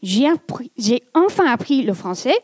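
A woman from Montreal telling a personal story on stage in a slow, deliberate, self-mocking way. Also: on the high side, very animated, a little mellow, dry recording, studio quality. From Montreal, Quebec. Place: theatre stage.

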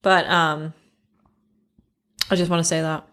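A woman's voice: sits low, flat delivery, a little slow, a bit bright. A woman co-hosting a podcast in casual, comedic chat, earnest and playful, often asking questions. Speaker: podcast co-host.

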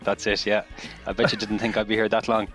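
A man's voice: on the low side, level tone, quick pace, fairly bright tone, soft background music. A man in his thirties with a western Irish accent, chatting casually and reflectively as a podcast co-host. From County Mayo, Ireland. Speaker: guest co-host, primary teacher.

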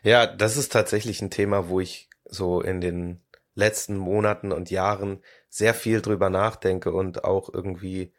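Male podcast guest, lower voice, hesitant and reflective delivery. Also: steady tone, measured pace. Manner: hesitant, many filler sounds, thoughtful. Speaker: guest, 3D illustrator. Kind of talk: casual podcast conversation.

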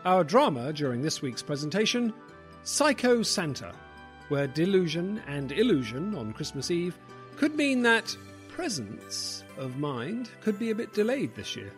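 A man's voice: fairly high pitch, very animated, a little slow. A man announcing a radio drama in a scripted, dramatic show-introduction style. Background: music.

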